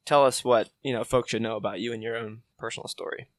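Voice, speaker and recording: A man's voice: medium pitch, fairly even intonation, fast talker, dry recording. A man hosting a podcast, asking interview questions in a friendly, upbeat, self-deprecating way. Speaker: podcast host.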